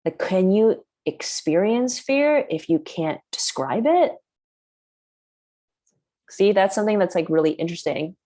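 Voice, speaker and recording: A woman with a medium-pitched, dark voice that swings widely in pitch hosts a workshop at a slightly slow pace. Her first language is Chinese, and she keeps the talk casual and chatty, saying "like" a lot.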